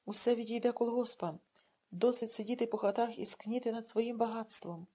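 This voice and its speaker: A woman's voice: a little high, a little fast, mellow, slightly rough. A woman narrator voicing a contemptuous male Soviet secret police officer in an audiobook, with barking, scornful delivery. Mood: gloating.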